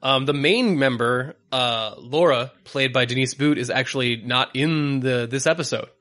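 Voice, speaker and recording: A man's voice: medium pitch, moderate pace, fairly bright tone. A man hosting a casual podcast chat, rambling with lots of fillers and frequent laughs. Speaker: podcast host.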